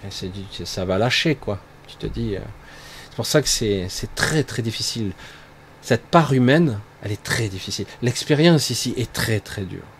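A man with a lowish voice talks through a casual spiritual monologue. He rambles and circles back, filling gaps with little tag words. A faint hum of noise sits behind him. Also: animated, moderate pace. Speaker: spiritual speaker.

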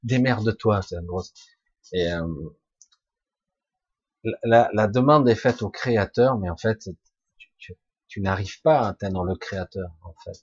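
A man with a husky, rough voice giving an informal spiritual talk to online listeners, halting yet emphatic, in colloquial, earthy wording. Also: on the low side, darkish tone, dry recording, highs cut off. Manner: halting and emphatic, with colloquial swearing and sound-effect words. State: coughing now and then. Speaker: spiritual teacher answering listeners' questions live.

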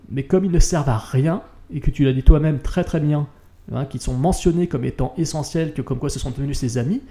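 A man's voice: a little high, vocal fry, warm tone. A man co-hosting a casual film review chat, speaking hesitantly with frequent restarts and mild humour. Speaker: film podcast co-host.

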